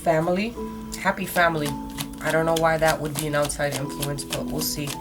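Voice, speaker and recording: A woman's voice: low-pitched, level tone, brisk. A woman giving a mystical horoscope tarot reading in a casual, conversational way, speaking straight to her listeners. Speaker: tarot card reader. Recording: loud background music. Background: music, shuffling cards.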